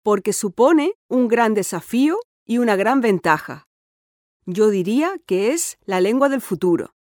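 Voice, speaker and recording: Here a woman plays a cheerful, sporty sixteen-year-old who confidently and eagerly chats about school and books as the interviewee in a scripted listening-test dialogue. Her middle-range pitch carries lively intonation at an unhurried pace, with a darkish tone close to an everyday voice. It's a dry, close studio recording with no echo.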